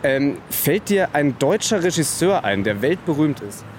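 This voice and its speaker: A male street interviewer with a fairly high, very animated voice. He asks casual questions of passers-by, with clear music playing behind him. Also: a little slow. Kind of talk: casual vox pop questioning.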